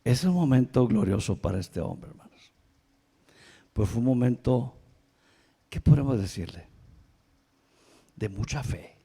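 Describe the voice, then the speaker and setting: A male pastor preaching a sermon in a lively way, moving between soft asides and loud emphatic passages and often checking in with the congregation. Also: medium pitch, unhurried, vocal fry, pauses often, breathy edge. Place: church sanctuary. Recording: long reverb of a church hall.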